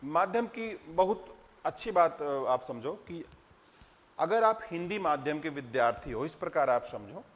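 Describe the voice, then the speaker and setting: A middle-aged man lectures exam candidates on literature and grammar. His voice sits a bit high, and he keeps asking rhetorical questions and reciting verse. The sound rings with a long hall reverb. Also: expressive, measured pace. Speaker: teacher.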